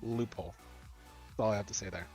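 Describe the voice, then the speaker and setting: A male streamer reads game rules aloud and argues over loopholes in a loose, animated way. His pitch sits in a middle range. Soft background music plays under his voice. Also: moderate pace. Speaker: streamer host. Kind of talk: casual gaming chat.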